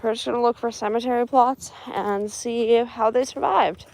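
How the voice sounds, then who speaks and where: A woman's voice: a little high, fairly even intonation, normal speed, darkish tone. Sarcastic woman vlogging outdoors. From Spokane, US. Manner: dry sarcastic asides, talks to herself while searching. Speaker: vlogger exploring a burned cemetery. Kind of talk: casual vlog narration while walking. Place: outdoors in a smoky burned forest cemetery.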